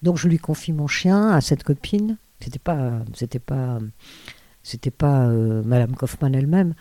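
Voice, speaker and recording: A woman's voice: very deep voice, measured pace, mellow, dry recording. An older woman, a former radio host, telling rambling stories with many hesitations and restarts in an interview. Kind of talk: anecdotal storytelling.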